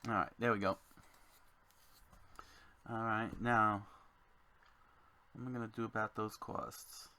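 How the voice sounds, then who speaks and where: Slow, gravelly man musing to himself. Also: lowish voice, steady tone, sharp tone. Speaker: game designer. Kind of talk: thinking aloud while editing a card game.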